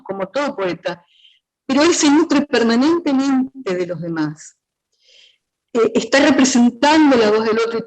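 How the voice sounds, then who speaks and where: A woman with a Rioplatense Spanish accent giving a thoughtful, earnest talk at a book presentation, often pausing on "eh" fillers. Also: fairly high pitch, a little mellow, rough recording. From Río de la Plata region. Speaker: prologue writer speaking at a book presentation.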